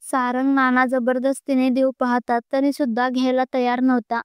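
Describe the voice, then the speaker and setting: A woman reads a romance story aloud in a steady narrating voice. Her pitch sits high and barely moves, and the sound is crisp and dry, close to the mic. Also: normal speed, no echo. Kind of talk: scripted narration.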